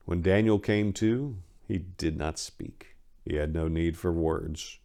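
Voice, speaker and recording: In a deep, creaky voice, a man narrates a dark horror tale as a dramatic reading, shaping each phrase with theatrical, deliberate intensity.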